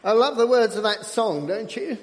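Nottingham guy preaching, fairly high voice, short bits at a time, big echoey hall. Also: lively intonation, noisy background. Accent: English, Nottingham. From England. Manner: speaks in short phrases, pausing for the interpreter. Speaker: guest preacher. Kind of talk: sermon with live interpretation. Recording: reverberant hall.

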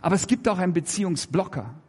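A man preaching a sermon, emphatic and full of rhetorical questions, swinging between raised and hushed delivery. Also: high-pitched, animated, fast talker, husky, big-room sound.

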